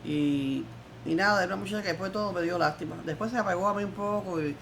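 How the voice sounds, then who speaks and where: A woman's voice: fairly low pitch, fast, creaky, slight background noise. An older woman with a Cuban accent giving an emphatic, defiant testimony in an interview. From Cuba. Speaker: interviewee, former political prisoner.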